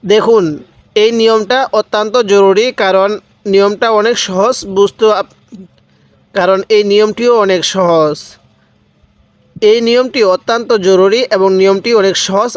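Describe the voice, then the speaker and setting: A man teaching Quran reading step by step, patiently repeating rules and slowly drawing out each syllable as he spells out the letters. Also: sits high, no room sound. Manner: patient, repetitive explanations. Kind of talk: step-by-step recitation lesson.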